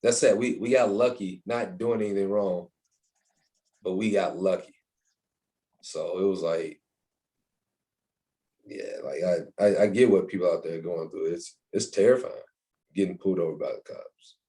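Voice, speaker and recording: Low, dark-voiced young man, halting speech. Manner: casual, halting, many restarts and fillers. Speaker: interviewee, university staff member. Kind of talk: casual interview talk.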